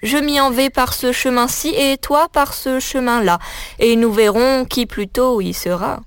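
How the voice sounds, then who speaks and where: A woman voicing a cunning, hungry wolf in a storybook tale, talking slowly and slyly. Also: high-pitched, steady tone, clear, resonant tone, no echo, studio quality, voice pushed up. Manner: slow, sly and drawn-out.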